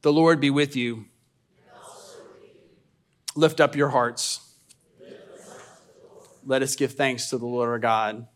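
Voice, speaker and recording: A man speaking as a pastor, delivering a sermon and communion liturgy in a solemn, measured, declamatory manner. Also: mid-range voice, fairly even intonation. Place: church service.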